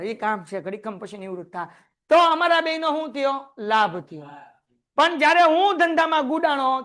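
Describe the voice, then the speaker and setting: A man teaching a class, lively and joking as he quizzes his students. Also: very high-pitched. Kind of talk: classroom lecture.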